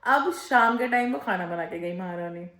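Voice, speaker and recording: A woman vlogging casually at home, telling a story with lively animation and mimicking the people she quotes, recorded on a handheld phone. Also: lowish voice, normal speed. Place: room at home. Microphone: phone held in hand. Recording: echoey room on a phone.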